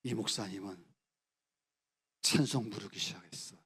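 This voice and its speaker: At a youth camp service, a middle-aged pastor delivers a sermon in a husky, lowish voice at normal speed. He tells the story dramatically and acts out each character's lines, swinging between shouts and hushed near-whispers.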